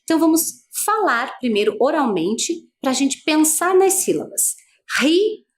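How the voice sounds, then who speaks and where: A woman's voice: high voice, big pitch swings, a little slow. A female teacher with a Brazilian Portuguese accent, giving an adult-education video lesson, patient and asking many guiding questions.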